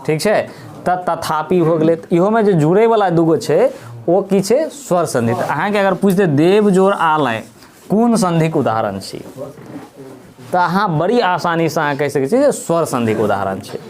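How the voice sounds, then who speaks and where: A man's voice: on the high side, lively intonation, normal speed, darkish tone. A man with a Maithili accent giving a grammar lesson, explaining step by step and answering his own questions. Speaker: teacher. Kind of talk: grammar lesson for school students.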